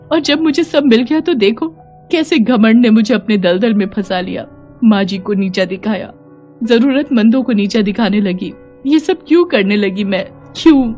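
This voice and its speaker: A woman's voice: a little high, darkish tone, close to an everyday voice. A woman doing an emotional young daughter-in-law. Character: young daughter-in-law officer, proud then remorseful.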